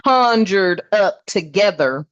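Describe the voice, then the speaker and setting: A woman's voice: medium pitch, expressive, takes it slowly, no echo. A woman giving a casual spiritual tarot reading, talking bluntly and emphatically and swearing often. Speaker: tarot reader. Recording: dull lo-fi dry sound.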